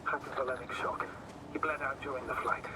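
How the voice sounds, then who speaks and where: An actor playing a calm, reassuring male ship navigator speaking over the radio. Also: medium pitch, brisk, recorded from a distance, noisy background, lightly acted. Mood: somber. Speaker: ship's astrogator on the radio. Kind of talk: game voice acting.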